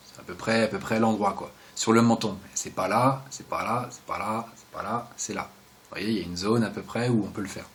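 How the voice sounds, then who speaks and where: A young man giving a casual, joking video lesson, explaining step by step and often trailing off into quiet asides. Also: fairly low pitch. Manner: chatty, joking asides, drops to quiet mumbles. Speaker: video host teaching sign basics.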